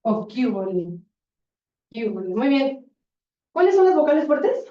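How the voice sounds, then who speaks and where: Heard from a distance on a lo-fi classroom recording, a woman teaches Spanish grammar, asking questions and offering encouragement. She speaks unhurriedly in a slightly high voice with big pitch swings, and the room is reverberant.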